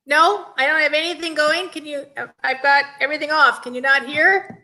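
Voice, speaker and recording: A woman's voice: sits high, fairly even intonation, normal speed, bright, forceful tone. A woman in her fifties from the northeastern US, giving earnest, appreciative answers as an interview guest. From northeastern United States. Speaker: interview guest, children's cancer charity director. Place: indoors on an online call.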